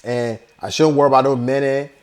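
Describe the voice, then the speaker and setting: A man's voice: mid-range voice, fairly even intonation, moderate pace. Laid-back man vlogging. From Liberia. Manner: laid-back and conversational, heavy on "you know" and "like". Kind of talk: casual storytelling vlog.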